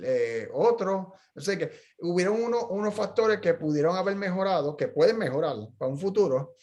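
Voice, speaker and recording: His voice sits fairly high and sounds a little mellow. A middle-aged physical therapist, he chats casually in a journal club discussion, telling stories and explaining with frequent restarts.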